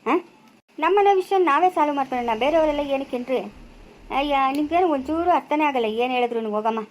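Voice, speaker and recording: A woman's voice: high-pitched, fast, a little hiss or hum, close to an everyday voice. A woman playing a stern younger brother who lectures his sister in a family drama, speaking with a rural Chikkaballapura Kannada accent. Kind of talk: village family drama skit.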